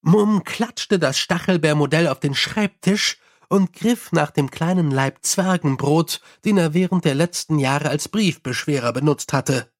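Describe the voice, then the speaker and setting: A man reading a novel aloud as an audiobook narrator, with expressive, lively storytelling. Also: a little high, unhurried. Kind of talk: scripted narration.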